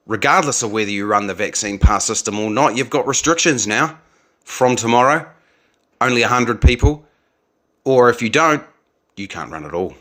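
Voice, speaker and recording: A man's voice: on the low side, fairly bright tone. A man in his forties with a New Zealand accent, delivering an indignant opinion monologue full of rhetorical questions. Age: 40s. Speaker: political commentator.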